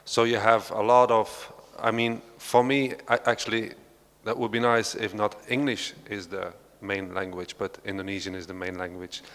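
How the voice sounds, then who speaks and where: This man from Belgium sits on a panel in the large hall of an art centre and talks unscripted in a lowish, level, fairly bright voice at normal speed. He sounds hesitant, with many fillers and restarts. The recording carries a long hall reverb.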